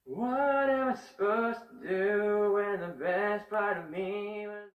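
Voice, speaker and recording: A man singing softly and high through a gritty, narrow 1930s carbon microphone filter. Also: slow pace, reverberant, soft background music. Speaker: home recording tutorial host. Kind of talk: sung demonstration.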